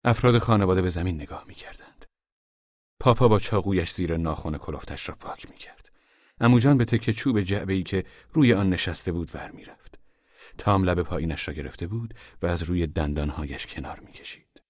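A man reading a novel aloud as narrator, in a steady, measured delivery. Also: deep voice, no room sound, studio quality. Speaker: audiobook narrator. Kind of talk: scripted narration.

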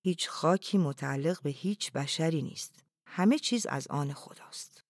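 A reader voicing a polite, smug foreign envoy who speaks in a calm, measured way. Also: no room sound, clean studio sound, close to an everyday voice. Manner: smooth, measured, lowered voice.

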